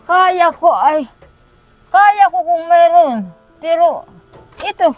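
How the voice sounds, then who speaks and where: Loud, blunt older woman. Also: extremely high pitch, takes it slowly, soft background music. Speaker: interviewee. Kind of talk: casual chat.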